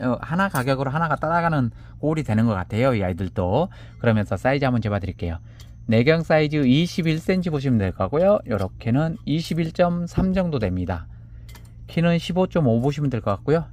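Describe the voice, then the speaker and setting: A man talks in an easy, chatty way as he presents pots to sell. His pitch moves a lot, rising and falling through each phrase. He reads out each measurement in a gentle, unhurried manner. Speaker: seller presenting handmade pots. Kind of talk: casual sales presentation. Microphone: camera on a table.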